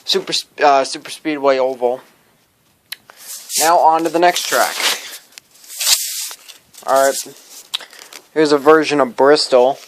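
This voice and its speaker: A man's voice: medium pitch, steady tone, takes it slowly, pauses often, noisy background. A man casually showing his hobby collection to viewers, rambling and stumbling over his words as he goes. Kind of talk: casual show-and-tell vlog.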